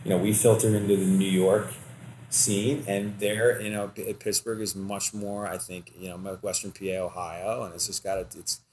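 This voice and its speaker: A man's voice: deep voice, little pitch movement, moderate pace, a little mellow, slight background noise. A man from Philadelphia with a Philadelphia accent and a stuffy nose, chatting as a podcast guest and explaining things with lots of examples and restarts. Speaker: guest, restaurant food and beverage director. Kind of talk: casual podcast conversation.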